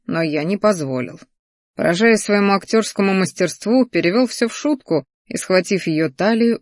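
A narrator reading a first-person fantasy romance audiobook in a measured manner. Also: medium pitch, no echo, clean studio sound.

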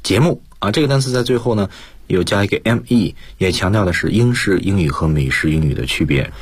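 A man's voice: deep voice, brisk, husky, dry recording. A male lecturer explaining English vocabulary and grammar on a radio lesson, mixing English terms into his Mandarin explanations. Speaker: guest lecturer, school principal.

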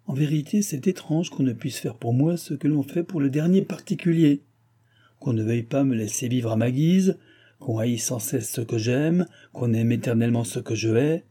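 A man reading an audiobook and voicing an irritable, self-pitying aging king who complains in exasperated outbursts, with a husky voice. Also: mid-range voice, moderate pace, warm tone, close to an everyday voice.

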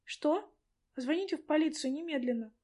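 A woman's voice: sits high, animated, moderate pace, warm tone, voice pushed up. A woman reading a storybook part of a frantic young woman who pleads in tears for her lost charges. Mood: panicked pleading. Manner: pleading, breathless, tearful.

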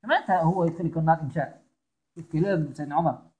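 Tunisian male religious teacher, slightly high, husky voice, emphatic and repetitive delivery. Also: very fast, darkish tone, muffled recording. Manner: emphatic, repeats key phrases. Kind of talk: religious lesson.

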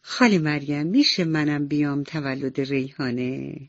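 A woman's voice: deep voice, no echo, dull audio. A woman doing an eager little girl. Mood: excited. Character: little girl, cheerful hospital patient.

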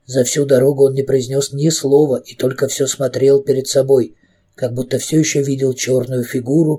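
Expressive audiobook narrator, man, husky and mellow. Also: medium pitch. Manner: expressive storytelling.

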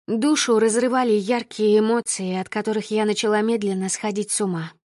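A woman's voice: mid-range voice, fairly even intonation, a little fast, darkish tone, dry recording, clean studio sound. A woman narrating an audiobook in the first person with intense, emotional reading.

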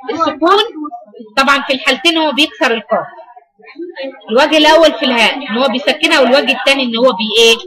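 A woman's voice: on the high side, poor audio. A woman with an Egyptian accent teaching recitation variants, asking students questions and repeating their answers. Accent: Egyptian Arabic.

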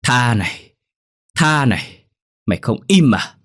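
A man's voice: mid-range voice, sing-song, unhurried, fairly bright tone, pitched above the performer's own voice. A man voicing a cruel, brutal man who snarls mocking threats, in a spoken horror story.

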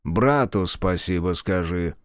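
A man voicing a gruff old general in his 70s. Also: deep voice, lively intonation, no echo, clean studio sound, pitched below the performer's own voice. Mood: stern. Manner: slow, clipped, barking orders. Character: old male general, gruff, short-tempered.

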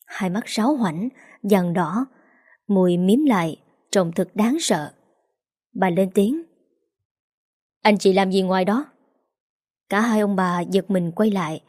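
A woman reading a novel aloud in a steady, even way as the narrator. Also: mid-range voice, unhurried, no echo, clean studio sound. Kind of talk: scripted story narration.

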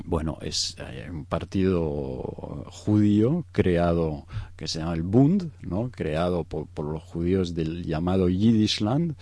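A middle-aged Egyptian man, a guest in an unscripted interview, explains things hesitantly, searching for words and often adding tag questions. His voice sits low with vocal fry and is a little mellow, with no echo.

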